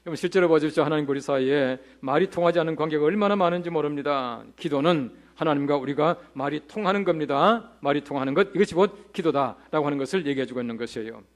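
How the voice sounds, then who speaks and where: A man's voice: fairly high pitch, fast, hardly any pauses. A male pastor preaching a revival sermon in a church, telling funny anecdotes and asking the congregation rhetorical questions.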